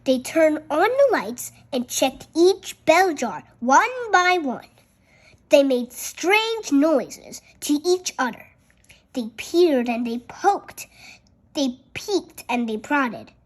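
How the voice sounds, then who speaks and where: A storyteller with a high, sing-song voice reads a picture book aloud carefully and haltingly, adding childlike, chatty asides about the pictures.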